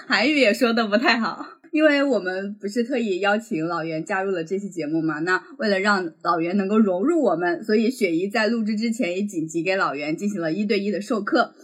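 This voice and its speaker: A woman's voice: mid-range voice, fairly quick, few pauses, husky. A woman hosting a casual podcast chat, introducing segments in a wry, matter-of-fact way. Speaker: podcast host.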